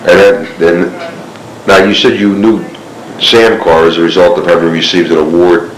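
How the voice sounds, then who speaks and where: Man, deep voice, probing interviewer, old cassette tape recording, faint hiss, echoey room. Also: level tone, normal speed. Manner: probing, asks follow-up questions. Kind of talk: investigative interview questions.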